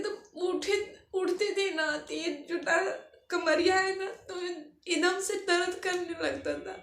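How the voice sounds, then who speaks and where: A woman with an eastern Uttar Pradesh accent speaks through tears, pleading and repeating herself. Her voice sits very high and moves slowly. The room around her is echoey. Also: fairly bright tone. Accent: Bhojpuri-tinged eastern Uttar Pradesh Hindi. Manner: pleading, emotional, repetitive. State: crying. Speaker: vlogger. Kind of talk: tearful personal vlog appeal.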